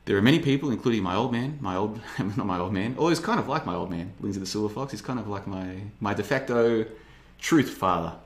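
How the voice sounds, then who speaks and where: Fast and animated with few pauses, a man in his thirties hosts a livestream podcast in a fairly low voice. The casual monologue rambles, and he sarcastically mocks others in put-on voices.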